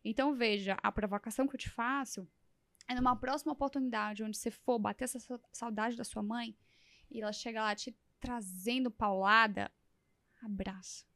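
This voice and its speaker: A woman hosting an interview, explaining her ideas in a measured, coaching way. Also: fairly high pitch, steady tone, a bit bright, dry recording. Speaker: host. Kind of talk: reflective interview talk.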